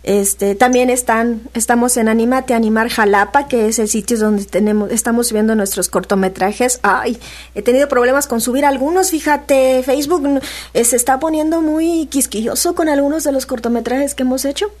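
Woman, slightly high voice, radio guest, casual chatter, fillers and restarts. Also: fairly even intonation, normal speed, darkish tone. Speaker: radio guest, animation workshop leader.

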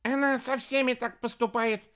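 A man voicing a tiny, shrunken creature chief who yells indignant demands. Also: very high voice, steady tone, moderate pace, clean tone, pitched above the performer's own voice. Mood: shrill, indignant. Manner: shouting, indignant.

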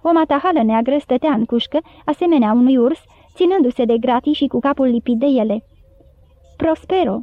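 A woman narrating an audiobook with steady, even storybook reading. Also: high-pitched, hardly any pauses, no room sound. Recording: dry, phone-like narrow sound.

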